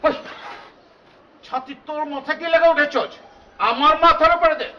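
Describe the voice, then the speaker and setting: An actor playing a bossy, self-important local boss who demands to be called boss. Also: male voice, very high voice, steady tone, moderate pace, distant mic, muffled recording.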